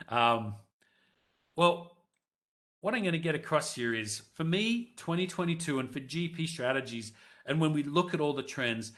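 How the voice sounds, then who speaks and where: A man's voice: medium pitch, a bit bright. Male webinar presenter on a headset mic, mid-range voice, chatty and direct with his audience. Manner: conversational, addresses the audience directly and runs live polls.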